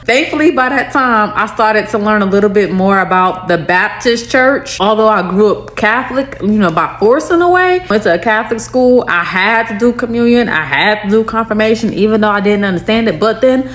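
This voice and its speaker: A young adult woman, telling a casual storytime and breaking into lively, high-pitched quoted voices. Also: a little fast, few pauses. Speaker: storytime creator.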